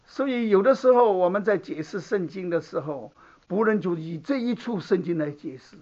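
On a dull, lo-fi recording, a man with a high-pitched, expressive voice and darkish tone preaches a Bible sermon at a moderate pace. His teaching is conversational, and he frequently checks in with listeners by asking "好不好".

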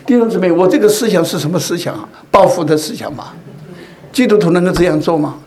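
A man with a high voice preaches a sermon in a relaxed, conversational way. He talks straight to his congregation, often checking in with rhetorical questions as he tells a personal story. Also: fast talker. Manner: tells personal stories to make a point.

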